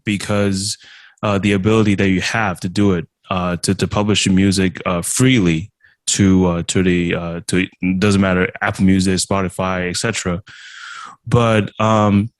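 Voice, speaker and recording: In a relaxed interview, a male musician and streamer from Taiwan, a native Chinese speaker, stumbles through his answers with lots of fillers and restarts. He speaks in a lowish voice, recorded with no room sound.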